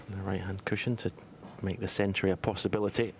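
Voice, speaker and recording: Hushed, low-voiced male snooker commentator. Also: flat delivery, quick pace, gravelly. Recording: noisy arena ambience with audience. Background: audience and hall noise.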